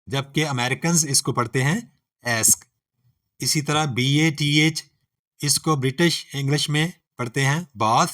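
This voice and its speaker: A man teaching English pronunciation as a lesson, reading word pairs aloud one at a time in a slow, deliberate way. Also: a little high, fairly bright tone.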